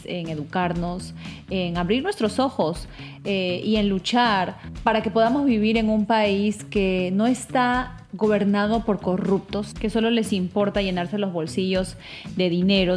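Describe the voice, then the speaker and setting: A woman's voice: mid-range voice, a little mellow. A woman in her thirties with a Peruvian Spanish accent, hosting a casual, chatty podcast for female listeners. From Peru. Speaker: podcast host.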